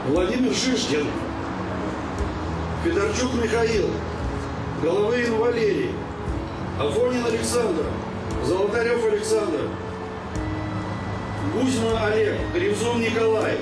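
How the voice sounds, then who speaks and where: A middle-aged man giving a military parade-ground address, loudly barking commands like a drill sergeant. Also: sits high. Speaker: ceremony leader reading a military roll call. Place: outdoor square, stand microphone. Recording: echoing distant PA with music behind.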